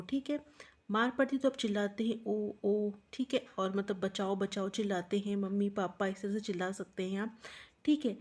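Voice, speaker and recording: A woman's voice: mid-range voice, mellow. A woman teaching biotechnology, walking students through a pathway and a memory trick step by step, often checking in with "okay". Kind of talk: exam-prep lecture with mnemonics.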